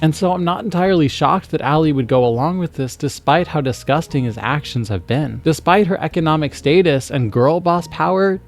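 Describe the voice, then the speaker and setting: A man's voice: mid-range voice, a little mellow. A man giving an earnest film critique commentary, with sarcastic asides. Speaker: video essayist.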